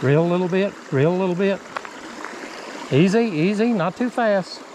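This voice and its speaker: Encouraging fishing guide by a creek. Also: male voice, high voice, normal speed, noisy background. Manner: encouraging, gives short repeated instructions. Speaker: fishing bait company host. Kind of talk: outdoor fishing vlog coaching. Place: outdoors by a creek. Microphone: body-worn action camera. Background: running stream water.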